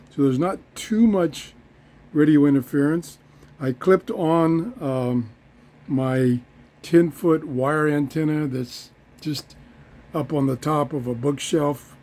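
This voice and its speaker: A man giving a casual hands-on radio demonstration, halting and thinking aloud as he goes, in a room at home. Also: fairly high pitch, darkish tone. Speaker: host of a radio review channel. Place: small indoor garden room at home. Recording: clear background noise, radio static.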